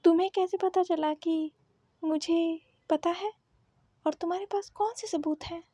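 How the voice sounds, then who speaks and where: A stern, secretive older uncle who presses with firm questions, as a woman narrator puts him on. Her voice stays very high and mellow. The sound is dry. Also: fairly even intonation, measured pace, no echo. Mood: probing.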